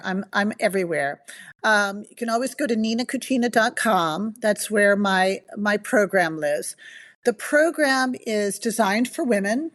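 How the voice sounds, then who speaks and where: A middle-aged nutrition coach from the Bahamas, speaking at medium pitch, appears as a guest on a casual podcast interview. She's enthusiastic and chatty and tells things as stories.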